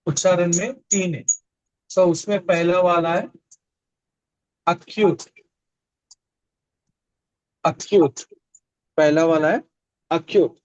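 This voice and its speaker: A man's voice: sits high, fairly even intonation, slow pace, pauses often, darkish tone, muffled recording. A man teaching a Greek class in a classroom, explaining step by step and repeating the key words. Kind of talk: classroom lecture. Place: classroom with a board.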